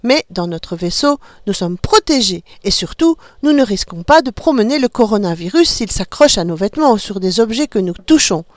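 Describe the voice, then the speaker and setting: A woman's voice: medium pitch, lively intonation, moderate pace, few pauses, dry recording, studio quality, natural voice. A woman voicing a friendly, upbeat father who explains things patiently to his children over a video call. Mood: encouraging. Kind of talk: storybook reading.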